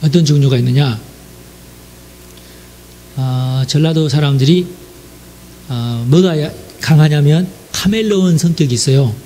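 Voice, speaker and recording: This Jeolla, South Korea preacher talks in an unhurried, warm and slightly high voice, pausing often. His sermon is conversational, addressed directly to listeners and peppered with affirming asides, over a little hiss or hum.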